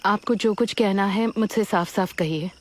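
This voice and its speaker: A woman's voice: medium pitch, moderate pace, lightly acted. A woman playing a defiant young protester. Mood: impassioned. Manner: firm, impassioned. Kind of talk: Hindi film dub. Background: film score.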